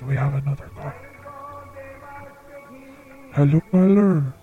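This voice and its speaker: A man hosting a comedic call-in show as a psychic, speaking in a slow, soft-spoken, earnest way. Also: a little high, phone-quality sound, faint music behind. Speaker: psychic radio show host.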